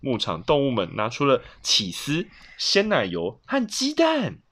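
Man, bedtime story reading, playful, lively sing-song pitch. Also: unhurried. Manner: playful, asks the child questions. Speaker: father telling a bedtime story.

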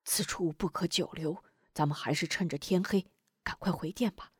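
A woman voicing a calm, cautious male elder sworn brother in a martial-arts audiobook, speaking low and hushed. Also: unhurried, dry recording, studio quality.

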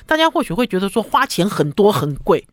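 A woman's voice: mid-range voice, sing-song, fairly quick, dry recording. A woman hosting a radio food show, talking casually and tagging her phrases with a short "ha". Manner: chatty, ends phrases with a short "ha".

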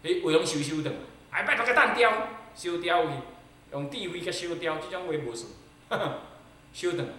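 A Taiwanese-accented man preaching as a Buddhist abbot, his pitch leaping high and dropping low as he presses each point with repeated rhetorical questions. The voice is bright and forceful. It rings out in a very echoey hall, with faint ambient noise behind it. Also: expressive, moderate pace, far from the mic. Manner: emphatic, repetitive, asks listeners rhetorical questions. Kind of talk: Dharma sermon.

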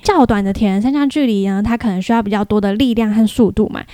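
A woman's voice: mid-range voice, quick pace, warm tone, no room sound. A young woman hosts a podcast, telling a story in a casual, chatty way and mimicking other people's voices in quoted lines. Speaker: podcast host.

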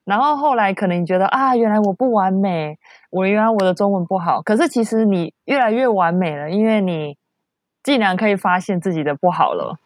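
A woman's voice: medium pitch, a little fast. A woman with a Taiwanese Mandarin accent chatting casually, often acting out what people say. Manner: animatedly acts out quoted remarks. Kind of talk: casual chat.

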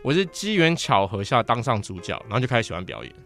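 A young man from Taiwan, a guest on a casual podcast chat, telling animated stories about his acting past. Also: medium pitch, fast, faint music behind. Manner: animated storyteller who slips into mimicked voices.

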